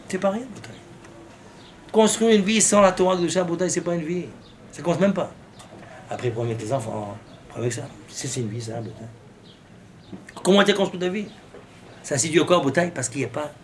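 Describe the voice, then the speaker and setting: A rabbi preaches with fervor, his fairly high voice leaping and falling across a lively range. He fires off rhetorical questions and drops Hebrew terms into his sermon. A faint room hiss sits under the voice. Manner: impassioned, with sudden rises and fervent rhetorical questions.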